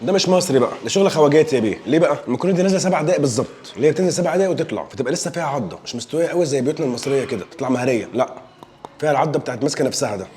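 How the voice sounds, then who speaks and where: Fast-talking Egyptian man reviewing food. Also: mid-range voice, expressive, a little mellow. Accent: Egyptian Arabic. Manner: playful, joking, enthusiastic tasting remarks. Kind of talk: casual food review vlog.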